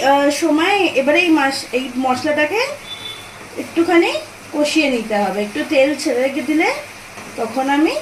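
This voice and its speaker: A woman in her thirties with a Bengali accent, chatting through a home cooking vlog step by step. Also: high-pitched. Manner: chatty, explaining step by step to viewers. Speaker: vlogger. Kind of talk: casual cooking vlog narration. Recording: noisy home video with clear background noise.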